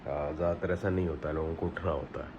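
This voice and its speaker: A man's voice: rumbling low, steady tone, fast, muffled recording, background noise. A man talking casually to the camera in a daily vlog, thinking aloud and switching between Hindi and English. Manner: mixes Hindi and English, reflective and chatty. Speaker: vlogger.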